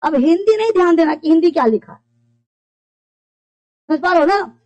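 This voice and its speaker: A woman teaching an online English class. She repeats key points, reads English examples slowly and keeps checking that students follow. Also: very high-pitched, expressive, a little mellow, muffled recording. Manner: repetitive, keeps checking understanding.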